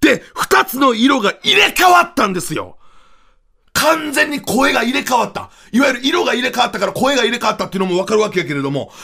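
A man with a Kansai accent telling an absurd comic story in a loud, animated, mock-dramatic way. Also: very high-pitched, fast, creaky, slightly rough. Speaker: comedian storyteller.

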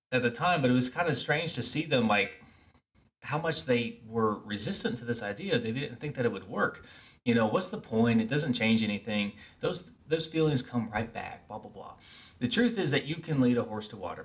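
A man's voice: mid-range voice, a bit bright. Earnest man explaining self-help. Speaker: podcast host. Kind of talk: self-help podcast monologue.

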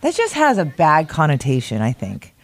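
A woman's voice: low voice, wildly swooping pitch, moderate pace, no room sound. An American woman co-hosting a show in candid, chatty, slightly grumbling conversation, recorded on a meeting room mic in a conference room. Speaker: co-host of a daily video show. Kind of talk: casual chat.

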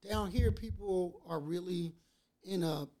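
A man with a gravelly voice, talking bluntly in short punchy phrases as a guest in a casual discussion. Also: high voice, slow pace, warm tone. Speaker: city councilman, guest.

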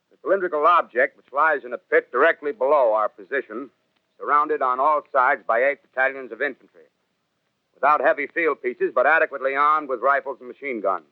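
Army captain on tinny field radio. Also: male voice, mid-range voice, dry recording. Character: confident male army captain reporting from the field. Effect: radio transmission. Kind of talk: 1930s radio acting, field report.

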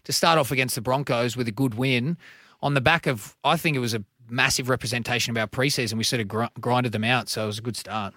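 An Australian footballer chats casually as a radio guest, often repeating and restarting words. His voice is bright and forceful. The sound is close and dry. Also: medium pitch, fast, dry recording.

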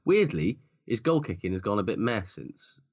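A man's voice: on the low side, sing-song, moderate pace, dull audio. A man co-hosting a podcast, chatting casually, blunt and sweary, rambling through his points. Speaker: podcast co-host. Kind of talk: casual sports chat.

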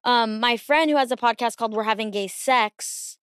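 A woman hosting her podcast with a fairly high voice, talking casually and rambling with lots of fillers. The sound is close and dry. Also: normal speed, a bit bright, clear, resonant tone, dry recording. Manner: chatty, rambling, with many fillers. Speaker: podcast host. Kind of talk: casual chat.

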